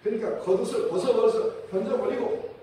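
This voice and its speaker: A man preaching a sermon as pastor, telling a story with lively acted-out voices and chuckling now and then. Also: high voice, brisk, a little hiss or hum. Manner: animated storytelling, acts out quoted voices. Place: church sanctuary. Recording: echoey church hall, mic at a distance.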